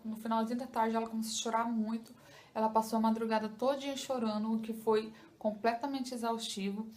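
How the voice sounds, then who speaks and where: A young Brazilian woman speaks to her viewers in a relaxed, chatty vlog style, often turning to them directly. Her voice sits a little higher than most. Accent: Brazilian Portuguese. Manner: chatty, addresses viewers with "gente" and "tá?". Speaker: vlogger, new mother. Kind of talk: casual chat to camera.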